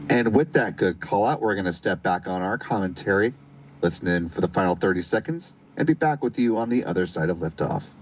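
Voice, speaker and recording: A man giving measured, explanatory live technical commentary as a webcast commentator. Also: low-pitched, expressive, slight background noise.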